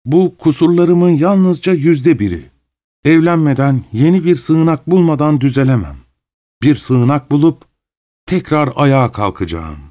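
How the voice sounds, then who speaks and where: A man's voice: a little high, animated, unhurried, dry recording, clean studio sound, pitched above the performer's own voice. A man voicing a fawning, pleading husband. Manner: soft, pleading and ingratiating. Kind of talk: audiobook character reading.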